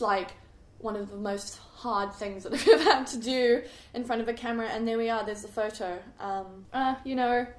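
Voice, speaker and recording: A young adult woman talking casually to camera as a vlogger, chatty and self-mocking, often laughing at herself. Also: a little high. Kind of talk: casual confessional vlog. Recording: roomy echo.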